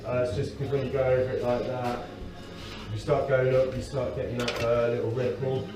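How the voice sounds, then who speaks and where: A man's voice: mid-range voice, flat delivery, normal speed. A man plainly explaining a plastering detail during casual work talk. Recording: echoey room from far off, music behind.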